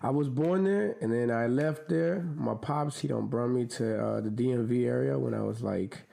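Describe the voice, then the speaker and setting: In a relaxed interview, a podcast guest from the Dominican Republic who owns a clothing brand talks in a warm, gravelly, medium-pitched voice at normal speed. His speech is easygoing and slangy, with lots of filler words.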